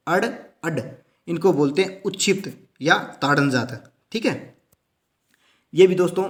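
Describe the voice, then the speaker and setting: A man teaching a lesson for exam preparation who asks questions and answers them himself, and keeps calling his students his friends. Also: a little high.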